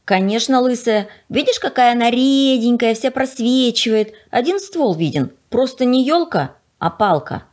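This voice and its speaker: A picky, fretful young boy from a children's storybook, always finding fault, as a woman reads him aloud. His voice is husky, and his pitch rises and falls a lot as he complains. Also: expressive, normal speed, few pauses, darkish tone. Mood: fussy. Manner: fussy, complaining. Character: fussy picky young boy, easily frightened.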